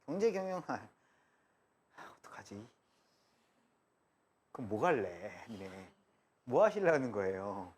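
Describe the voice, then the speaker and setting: A man's voice: lowish voice, big pitch swings, takes it slowly, long pauses, a little hiss or hum. A man teaching math in a live classroom lecture, chatty and joking, drifting between asides and explanation. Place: lecture room.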